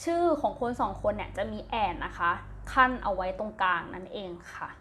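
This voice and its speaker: Over a faint hiss or hum, a Thai-accented woman speaks at normal speed and medium pitch in a slow recorded primary English lesson. She spells words out letter by letter, repeats each twice, then explains its meaning, patiently and gently, finishing phrases with polite particles.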